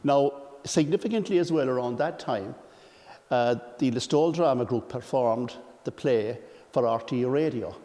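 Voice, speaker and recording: A man with an Irish accent giving an informal biographical account from memory, often clearing his throat. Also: mid-range voice, normal speed, dark tone. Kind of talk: informal spoken biographical reminiscence. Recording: reverberant hall.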